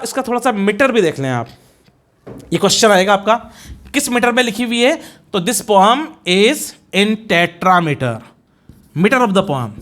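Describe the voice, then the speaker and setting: A man's voice: high voice, a bit bright. A man with an Indian accent teaching English poetry for an exam, speaking Hindi mixed with English, counting lines aloud and repeating key points.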